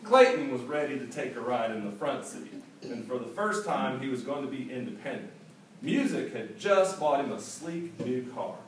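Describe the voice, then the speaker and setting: An author in his forties reads from his own book to an audience in a school hall, telling it in a lively, humorous way with asides. His mid-range voice moves at normal speed. The recording is echoey, with a distant mic and faint hiss.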